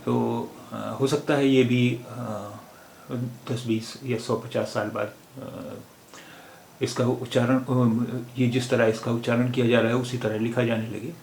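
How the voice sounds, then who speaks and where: A man's voice: mid-range voice, little pitch movement, unhurried, vocal fry, darkish tone. Guy teaching a language lesson, lots of uhs, patient, echoey room. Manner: patient, thinks aloud with frequent "uh" fillers. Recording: roomy with faint background noise.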